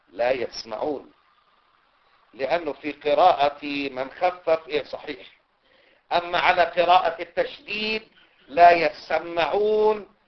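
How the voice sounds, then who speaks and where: A male teacher, going through a classical text line by line, repeating points and asking his students whether it is clear. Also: on the high side. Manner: repeats points and checks understanding. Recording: dull lo-fi recording.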